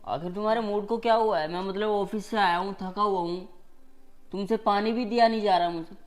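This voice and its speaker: A man's voice: high-pitched, steady tone, a little fast, natural voice. An actor playing a tired young husband back from the office, who lectures his wife and defends his elder brother. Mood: exasperated. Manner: reproachful and lecturing. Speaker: actor in a family short film. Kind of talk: Hindi short-film drama acting.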